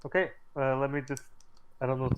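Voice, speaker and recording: A man's voice: medium pitch, little pitch movement, brisk. A man playing a tabletop game, chatting casually. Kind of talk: casual chat. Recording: clicky, noisy mic.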